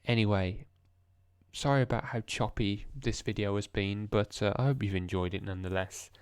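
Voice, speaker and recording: A young man, talking in a hushed, tired voice as he thinks aloud through language practice in a casual vlog. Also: on the low side, normal speed, smooth, no room sound, studio quality. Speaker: language learner vlogger. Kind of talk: casual screen-recorded vlog.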